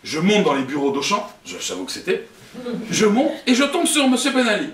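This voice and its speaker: A man's voice: high voice, very animated, a little fast, gravelly, background noise. A man giving a humorous talk as a rabbi, acting out dialogue and laughing often. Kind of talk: humorous storytelling lecture. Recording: echoey room, voice from a distance.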